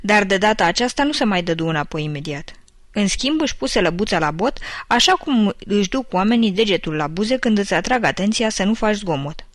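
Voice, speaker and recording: A woman narrating an audiobook in an even, measured storytelling voice. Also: medium pitch, no echo. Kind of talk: scripted narration.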